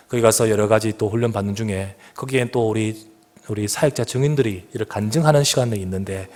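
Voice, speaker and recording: A male pastor delivers a sermon in his church, his pitch leaping and falling in a lively sweep. He tells a story, surging loud for emphasis, then sinking to a near hush. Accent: Korean. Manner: storytelling with sudden loud emphatic rises and hushed drops. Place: church sanctuary.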